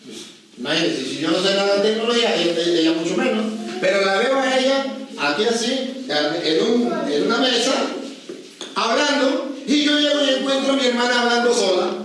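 A priest with a fairly high voice, preaching from a distance in a very echoey hall with faint room noise behind him. He tells his stories lively, acting out each person's voice. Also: normal speed, crowd noise. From Venezuela. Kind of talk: preaching with storytelling.

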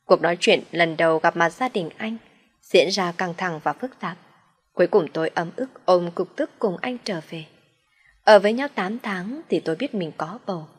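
Giọng nữ miền Nam kể truyện. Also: female voice, fairly low pitch, normal speed, breathy edge. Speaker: narrator. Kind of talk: audio story narration.

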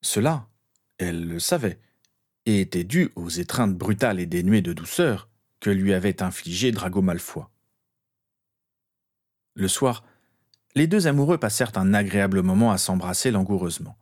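A man narrating an audiobook in a steady, even reading voice. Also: deep voice, normal speed, pauses often.

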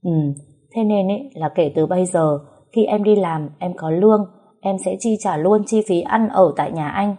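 A woman's voice: lowish voice, moderate pace, warm tone, close to an everyday voice. A woman voicing a naive, stubborn young woman who insists on her point. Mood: insistent.

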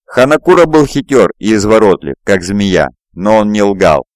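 A man narrating a fantasy audiobook in a steady, even reading. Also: on the low side, normal speed, no echo, clean studio sound. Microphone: close mic, home recording.

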